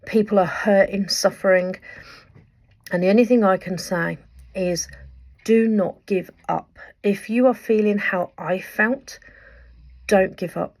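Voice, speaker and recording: A woman's voice: mid-range voice, measured pace, long pauses. A woman giving an earnest, impassioned weekly update to her viewers, rambling with fillers as she talks. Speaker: vlogger and writer. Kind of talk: direct-to-camera weekly update.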